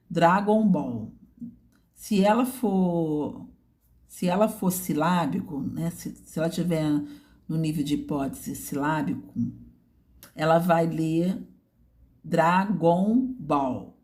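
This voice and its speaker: A woman's voice: on the low side, mellow. A woman teacher, walking through a student's writing portfolio in a didactic way and often checking in with her listeners. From Brazil.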